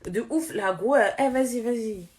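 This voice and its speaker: A woman on a live stream, ranting in a heated casual way, talking fast with slang and many restarts, irritated. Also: a little high, darkish tone, a little hiss or hum.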